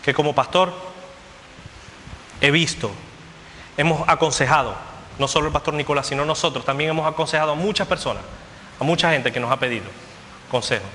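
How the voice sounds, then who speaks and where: A man preaching a sermon with a bright, forceful voice, a little higher than most men. He hammers his points through repetition in a steady preaching cadence. The recording carries a long church hall echo over faint room noise. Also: fairly quick, long pauses. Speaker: pastor.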